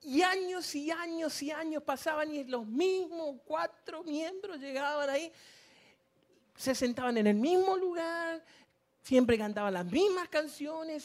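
A preacher delivering a sermon in a church with storytelling, moving between loud calls and hushed, near-whispered lines. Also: high voice, expressive, normal speed. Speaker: guest preacher.

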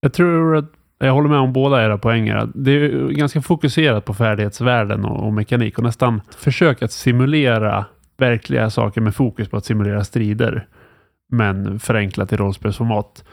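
Gravelly Swedish-speaking podcast host, dry sound. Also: male voice, medium pitch, no room sound. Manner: relaxed, thinks aloud with frequent fillers. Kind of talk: casual podcast chat about tabletop roleplaying.

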